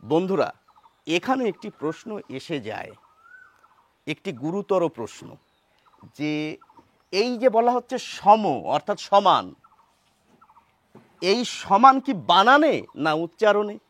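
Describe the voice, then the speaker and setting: A man teaching a grammar lesson in a measured way, asking questions and then answering them himself. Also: high voice, big pitch swings, a bit bright. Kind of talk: explanatory lesson.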